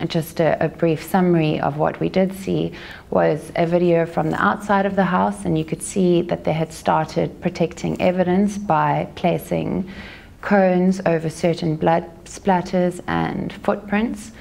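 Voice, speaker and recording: A South African woman, a lawyer, giving a measured, careful recap of a day in court. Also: lowish voice, vocal fry, a little mellow. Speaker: legal commentator. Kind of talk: courtroom news commentary.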